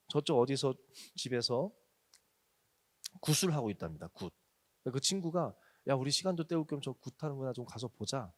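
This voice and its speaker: A man's voice: medium pitch, a little mellow. A male pastor preaching to a young adults group, telling stories with acted quotes. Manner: storytelling testimony with acted quotes.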